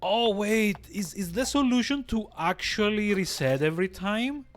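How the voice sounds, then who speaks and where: A man with a fairly high voice plays a video game and comments casually. He thinks aloud tentatively, often repeating words as he works things out. Music plays faintly behind him. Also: lively intonation, normal speed. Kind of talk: casual let's play commentary.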